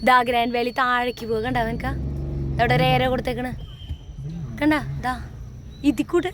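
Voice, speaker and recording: A woman's voice: on the high side, fairly even intonation, normal speed. A young woman chatting casually to her travel vlog viewers, mixing in occasional English words. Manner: addresses viewers often, informal, mixes in occasional English words. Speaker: family travel vlogger. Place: in a car and outdoors on a road trip. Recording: noisy vehicle and outdoor ambience.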